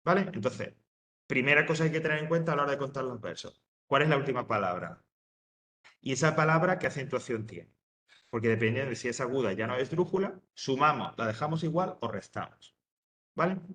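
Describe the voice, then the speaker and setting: A man's voice: medium pitch, lively intonation, fairly quick, fairly bright tone, echoey room. A man teaching a lesson to students, explaining step by step, often checking in and restarting his sentences. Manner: explanatory, checks with "¿vale?", many fillers and restarts. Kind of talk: lecture to students.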